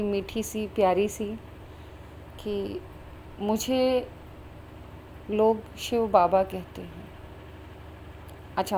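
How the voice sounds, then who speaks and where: A woman's voice: fairly high pitch, a little hiss or hum. A woman, a spiritual channel host, recounting a meditation vision in a flowing, earnest way with many fillers. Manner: earnest, flowing Hindi-English mix with fillers. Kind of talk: personal spiritual account.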